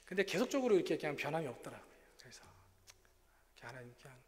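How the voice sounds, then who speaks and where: A man's voice: on the high side, big pitch swings, very fast, a little mellow. A missionary man giving an earnest, confessional sermon testimony in a church. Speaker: missionary preacher. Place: church sanctuary. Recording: reverberant church hall, faint ambience.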